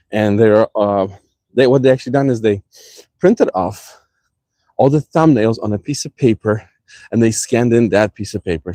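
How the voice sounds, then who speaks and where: A man's voice: lowish voice, dark tone, dry recording. A man with a slight accent, ranting heatedly and profanely in a casual vlog, talking from his car. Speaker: vlogger.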